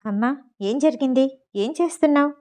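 A woman's voice: high voice, brisk, mellow, natural voice. A woman voicing a rich, impatient young man in an audio story, speaking curtly and firmly. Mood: worried.

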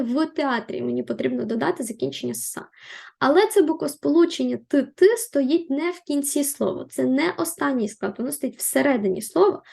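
A woman language teacher explaining grammar rules, patiently repeating and rephrasing them and slowing down to spell out example words. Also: high voice, vocal fry, warm tone.

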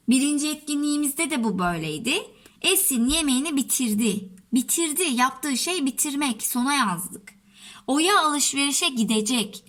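Woman, primary teacher, patient word-by-word explaining, animated pitch, bright tone. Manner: slow and patient, stressing each word to children. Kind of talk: first-grade lesson explaining a workbook.

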